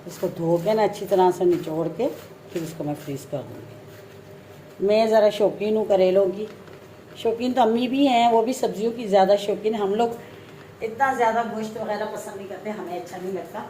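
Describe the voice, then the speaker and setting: A woman's voice: mid-range voice, moderate pace, dark tone, a little hiss or hum. A woman from Pakistan vlogging in her home kitchen, chatting to viewers while she cleans and cuts vegetables, often telling them to look. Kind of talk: casual chat to viewers while cooking.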